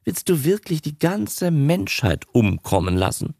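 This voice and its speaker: A man's voice: fairly high pitch, very animated, measured pace, gravelly, a little mellow, husky, no echo, pitched above the performer's own voice, full character voice. A man voicing the probing, reproachful inner voice of an author in a dramatized audiobook.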